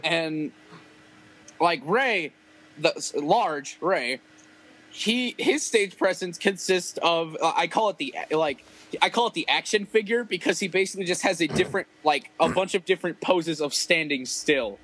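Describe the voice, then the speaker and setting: A man's voice: a little high, measured pace, a bit bright, a little hiss or hum, rough recording. A man casually telling a rambling, profane story about playing a show with his rap group, full of fillers.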